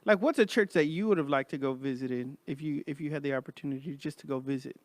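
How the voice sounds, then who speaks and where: A man hosts a podcast in casual, buddy-to-buddy talk. His voice sits a little high for a man and is recorded dry, with no room sound around it. He speaks informally, like he's chatting with close friends. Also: fast, no room sound. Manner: informal, says man and bro often. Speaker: podcast host. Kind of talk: casual chat.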